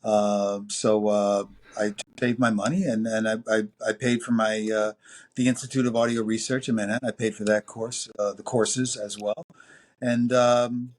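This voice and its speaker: A man in his sixties with a New York accent, telling long anecdotes as an interview guest, full of fillers and lively quoted voices. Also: on the low side, normal speed. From New York City. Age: 60s. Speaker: music producer and engineer guest. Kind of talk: casual interview storytelling.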